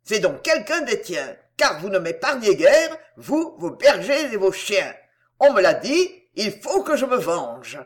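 A woman's voice: medium pitch, sing-song, a little slow. A woman voicing an eager young man who declaims a wolf's lines in a storybook scene. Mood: declaiming. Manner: theatrical, declaiming. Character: eager young man playing a raging wolf.

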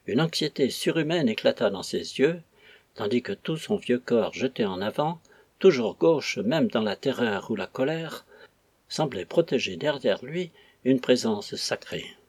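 A man narrating a novel in a steady literary reading. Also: medium pitch, unhurried, slightly rough, no echo. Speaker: audiobook reader. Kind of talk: scripted narration.

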